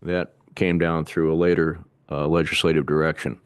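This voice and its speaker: A man on city staff giving a measured, methodical briefing to a public board, now and then pausing to restart a phrase. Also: a bass voice, flat delivery, clean tone, no echo, studio quality. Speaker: city staff presenter to an urban renewal board. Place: city board meeting room.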